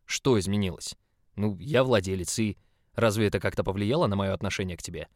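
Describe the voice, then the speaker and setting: Man voicing a huge possessive boss, stubborn, lowish voice, pushy and growly, dry close audiobook sound. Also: brisk, darkish tone, no room sound, natural voice. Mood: pleading. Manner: insistent, pleading then icy.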